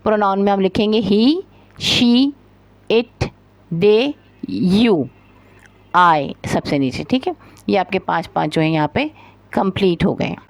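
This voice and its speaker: A woman with a Pakistani Urdu accent teaching English. She reads the English sentences slowly, explains them, and spells words out letter by letter. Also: medium pitch, animated, no room sound. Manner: slow and careful reading of English, then explaining it. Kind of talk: spoken textbook lesson.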